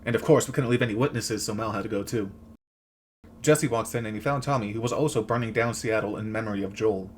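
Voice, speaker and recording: Fast-talking man on a sarcastic comedy rant. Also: on the low side, a little hiss or hum. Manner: sarcastic, crude, slangy joking. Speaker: host. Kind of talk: comedic rant recap of a video game, scripted narration.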